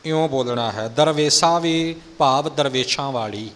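A man's voice: medium pitch, measured pace, fairly bright tone, long reverb tail. A man teaching the correct pronunciation of scripture verses, explaining patiently and correcting common mistakes. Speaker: recitation teacher. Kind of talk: pronunciation lesson.

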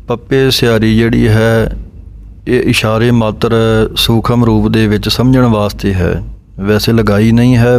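A man leads a recitation lesson, chanting each verse slowly and then breaking it down letter by letter. His voice sits low and stays level, with little rise or fall. He speaks in a smooth, clear tone throughout. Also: a little mellow. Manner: slow measured chanting of verses, then spelling out letters and pauses. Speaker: scripture recitation teacher. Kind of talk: recitation lesson on Sikh scripture pronunciation.

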